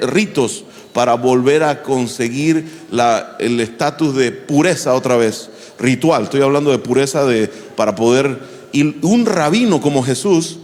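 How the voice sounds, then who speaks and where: A male pastor preaching a sermon in an animated way, often asking the congregation questions. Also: mid-range voice. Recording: long hall reverb.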